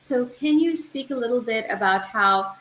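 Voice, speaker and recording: A woman's voice: on the high side, expressive, moderate pace, a bit bright. A woman hosting an interview, asking long, enthusiastic, framing questions. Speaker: interview host. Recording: echoey room with faint noise.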